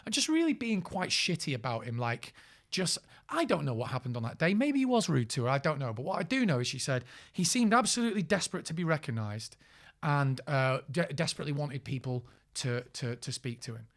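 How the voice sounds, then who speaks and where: A man with a fairly high voice, talking in casual podcast chat. His pitch swoops all over as he tells frank, animated stories from a small booth. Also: a little fast. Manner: animated storyteller, frank and expressive. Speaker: podcast co-host.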